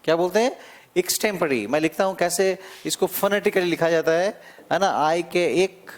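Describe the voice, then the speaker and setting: A man teaching an exam-prep vocabulary lesson, explaining slowly, drawing out key words, repeating them and checking in often. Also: sits high, steady tone. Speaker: English teacher.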